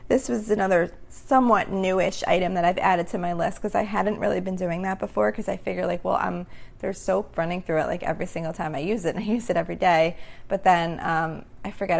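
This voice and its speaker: A woman with a lowish, creaky voice rambles through a casual solo podcast she hosts, peppering her talk with plenty of "um" and "like." Her intonation stays fairly even and her pace is a little fast, and her voice sounds slightly worn, as if she's starting to lose it.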